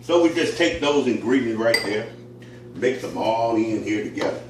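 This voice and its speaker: A man walks through a casual cooking demonstration in a folksy, homespun way, with plenty of "uh"s along the way. His voice sits at an ordinary middle pitch. It sounds like he is a step away from the mic in an echoey room, with a faint hiss behind him. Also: expressive, normal speed, recorded from a distance. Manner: folksy, homespun talk with many fillers. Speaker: pitmaster.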